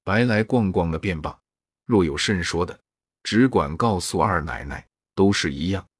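A man's voice: low voice, lively intonation, moderate pace, slightly rough, no echo, studio quality. A man voicing an attentive middle-aged female servant who speaks in a deferential, explaining way in a storybook reading.

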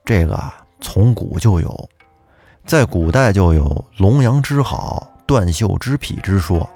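A man's voice: low-pitched, animated, a little slow, mellow, slightly rough, soft background music. A man narrating a folk tale as storyteller host, chatty and turning to address his listeners.

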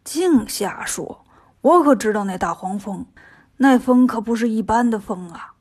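A woman voicing a kindly old village grandfather in a children's audio story, slow and knowing. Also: on the high side, animated, darkish tone, husky, pitched below the performer's own voice.

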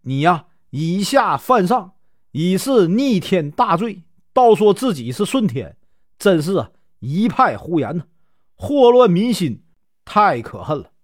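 A man's voice: fairly high pitch, very animated, a little slow, few pauses, a little mellow. Man reading as a haughty scolding general. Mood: scornful. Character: proud scornful male general of legend.

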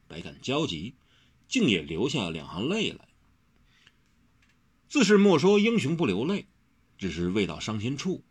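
Man, storybook narration, husky voice, very animated pitch, dramatic. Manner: dramatic, lively delivery. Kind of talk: expressive storybook reading.

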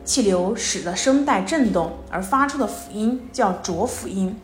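A woman's voice: mid-range voice, unhurried. Woman lecturing in an echoey room. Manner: steady explanatory delivery with verbal fillers. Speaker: psychology lecturer. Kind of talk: recorded lecture. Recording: echoey room with faint music.

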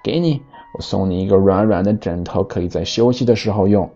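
A man voicing a kindly grown female lioness in a storybook, speaking in a gentle, reassuring way. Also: sits low, normal speed, lo-fi sound, faint music behind.

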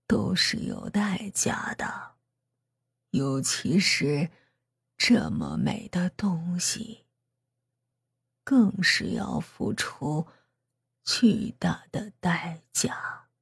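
A woman voicing an ancient, bald old woman who speaks in a slow, creaky, menacing whisper. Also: lowish voice, dry recording, studio quality, exaggerated voice. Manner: drawn-out, menacing warnings. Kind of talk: storybook narration.

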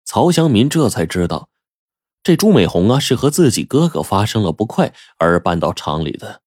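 A man telling a story aloud in a lively, folksy way. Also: lowish voice, dry recording, clean studio sound. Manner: lively, folksy narration with drawn-out particles. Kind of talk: oral storytelling.

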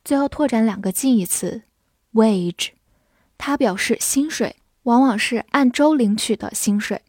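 Higher-pitched woman teaching English words. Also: unhurried, no echo, studio quality. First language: Chinese. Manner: explains calmly, spells words letter by letter. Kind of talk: vocabulary lesson with slow read-alongs.

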